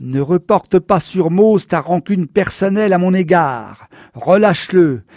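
A man's voice: sits high, expressive, measured pace, darkish tone, dry recording, studio quality. A man voicing a stern lawman father. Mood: firm. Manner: firm, commanding. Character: stern small-town lawman father, firm and defiant.

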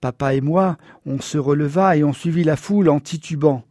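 A man narrates a novel in a measured, somber reading, his voice sitting a little high. The sound is dry and close, with no room echo. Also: dark tone. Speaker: audiobook narrator. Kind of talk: scripted first-person narration.

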